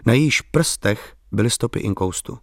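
A man narrating a story in a calm, measured voice. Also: medium pitch, no echo, clean studio sound. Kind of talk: scripted audiobook narration.

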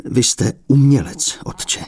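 Man reading a courteous collector, earnest and gently flattering, in a storybook reading. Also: mid-range voice, husky, no echo, clean studio sound. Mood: earnest, coaxing. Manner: polite, earnest, coaxing. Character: courteous male art collector pleading with abbot.

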